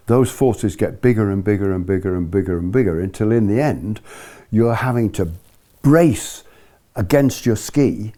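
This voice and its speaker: A man's voice: lowish voice, dark tone. A British man giving an informal spoken lesson as a ski instructor, chatty and explanatory, checking in with his listeners.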